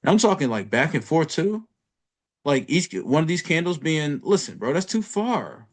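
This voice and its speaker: With a fairly high voice that swings widely in pitch, a trading educator speaks at normal speed during a casual screen-share lesson. He's blunt and profane, uses streetwise slang, and calls the viewer "bro."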